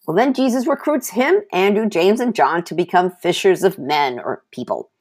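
A woman hosting a Bible teaching podcast, telling the stories in an animated way and adding conversational asides. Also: fairly low pitch, moderate pace.

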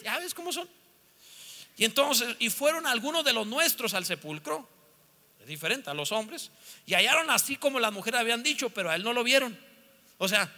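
A pastor, preaching a sermon that swings from joking asides to loud, fervent calls. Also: male voice, extremely high pitch. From northern Mexico. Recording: long reverb of a church hall.

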